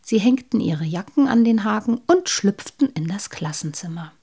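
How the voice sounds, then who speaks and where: A woman reading her own children's Christmas story aloud, lively, lifting her voice for the children's lines. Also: medium pitch, moderate pace, gravelly, breathy edge.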